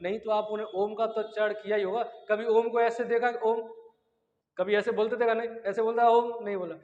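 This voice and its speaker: Speaking in a high voice with a flat delivery and a darkish tone, a male teacher gives a grammar lecture aimed at exam preparation. He answers questions he raises himself and drags out vowels and chants syllables as examples. It's captured in dull, lo-fi sound within a long-echo room.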